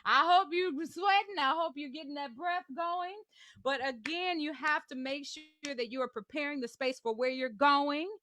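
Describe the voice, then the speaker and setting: A woman's voice: sits high, moderate pace, sharp tone. A woman teaching a live online singing masterclass, explaining exercises in an encouraging, chatty way and singing demonstrations. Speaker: vocal coach.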